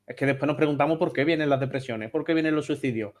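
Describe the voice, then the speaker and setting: A therapist from Spain, speaking with a Spanish accent, appears as a guest in a remote interview. His slightly high voice moves fast, and he talks passionately and emphatically, repeating phrases.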